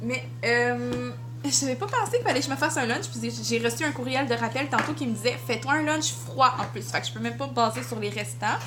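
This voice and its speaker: Chatty Québécoise mom, lively high voice. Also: female voice, a little fast. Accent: Quebec French. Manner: chatty, talks to her toddler in a sing-song voice. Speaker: vlogger and mother. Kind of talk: casual home vlog.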